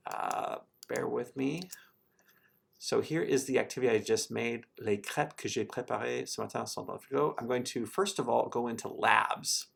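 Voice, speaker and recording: A man calmly walking through a screen-recorded software tutorial, explaining each step as he clicks through. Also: medium pitch, creaky.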